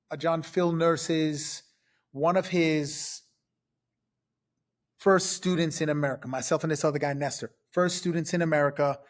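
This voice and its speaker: A man in his fifties from Trinidad, a podcast guest telling his past in a casual, lively way, step by step. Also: on the high side. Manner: lively, recounts events step by step. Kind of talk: casual storytelling.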